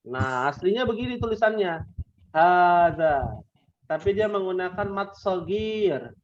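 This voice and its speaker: An Arabic teacher, a man, runs an online language class for women, patiently drilling questions with drawn-out prompts and repeating the answers back. His voice sits high and sounds animated, and the highs are cut off.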